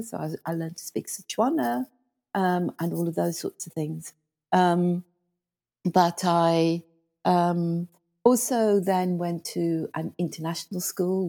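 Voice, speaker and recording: A middle-aged South African woman whose first language is Afrikaans tells stories reflectively as an interview guest and former school leader. She speaks in a thoughtful, measured way, often pausing on fillers, and her voice is on the low side, gravelly and mellow.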